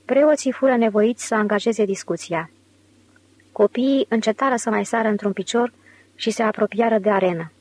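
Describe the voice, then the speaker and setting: A woman narrating an audiobook in a measured, clear reading voice. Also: medium pitch, a little mellow. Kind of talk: scripted narration.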